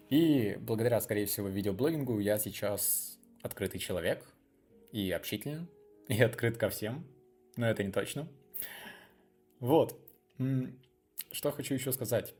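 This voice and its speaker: On his own channel, a young video blogger shares personal stories with viewers in a loose, unscripted way, rambling and chatting while he thinks out loud. His voice is mellow and on the low side.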